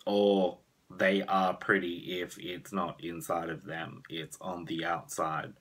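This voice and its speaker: A man's voice: sits low, level tone, takes it slowly, a bit bright, breathy edge. A man talking casually to a handheld camera in a vlog, chatty and joking, swinging between mumbles and sudden bursts. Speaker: vlogger.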